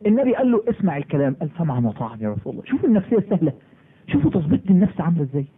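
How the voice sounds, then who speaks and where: Egyptian male preacher, rapid delivery, fairly high pitch, animated storytelling. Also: a little hiss or hum. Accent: Egyptian Arabic. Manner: animated, acts out dialogue in lowered voice. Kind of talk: sermon storytelling. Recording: phone-like recording.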